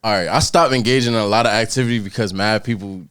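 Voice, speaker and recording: Low smooth-voiced young man, laid-back slang. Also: quick pace, a bit bright. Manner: laid-back slang, keeps asking "you feel me". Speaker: podcast host. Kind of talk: casual chat.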